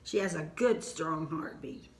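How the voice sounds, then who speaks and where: A woman's voice: low-pitched, measured pace, roomy sound. A woman doing an old granny midwife, thrilled and reassuring.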